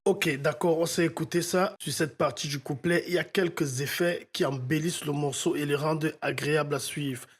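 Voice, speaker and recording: Guy walking you through a mix tutorial, voice a bit high, keeps asking ok?. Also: fairly even intonation, moderate pace, few pauses, faint music behind. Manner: step-by-step explaining, often checking in with "ok?". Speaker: music mixing tutor. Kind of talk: screen-recorded software tutorial.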